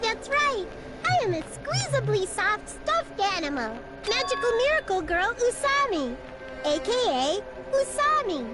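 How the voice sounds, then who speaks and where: A woman voicing a sweet, cheerful female stuffed rabbit teacher in an anime game, with a cutesy sing-song voice over loud game music. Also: extremely high pitch, sing-song, a little slow, full character voice. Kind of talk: anime game dub voice acting.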